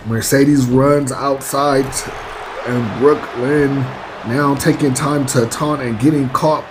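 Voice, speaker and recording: A man's voice: medium pitch, fairly even intonation, slow pace. A man giving play-by-play wrestling commentary over a video game, addressing listeners in announcer style with stock exclamations. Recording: clear background noise behind the voice.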